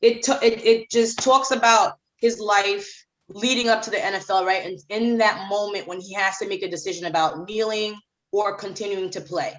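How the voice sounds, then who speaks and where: A woman's voice: medium pitch, fairly even intonation, moderate pace, rough recording. Emphatic woman author from Haiti. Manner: emphatic, repeats phrases for emphasis. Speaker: children's author, guest. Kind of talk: podcast interview.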